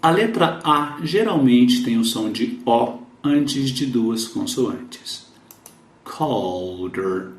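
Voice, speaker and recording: Slow, lively-voiced male English teacher. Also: medium pitch, roomy sound. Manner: slow, deliberate, repeats English words for pronunciation. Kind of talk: English lesson in Portuguese, reading and explaining sentences.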